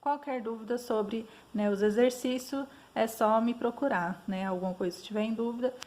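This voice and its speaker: A woman's voice: fairly high pitch, steady tone, normal speed, darkish tone. A woman teacher with a Brazilian Portuguese accent, patiently explaining school exercises, often checking in with her students. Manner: patient, frequent fillers and checks like "tá bom?".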